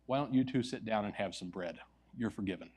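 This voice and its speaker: A man voicing a stern old bearded male restaurant manager who speaks quietly, low and measured. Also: steady tone, husky. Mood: gentle.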